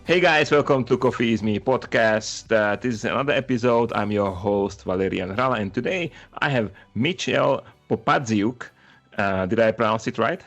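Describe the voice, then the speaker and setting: A man's voice: lowish voice, normal speed, a bit bright, lo-fi sound, faint music behind. A man from Slovakia whose first language is Hungarian, hosting a podcast interview in a casual, chatty way with many fillers. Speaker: podcast host.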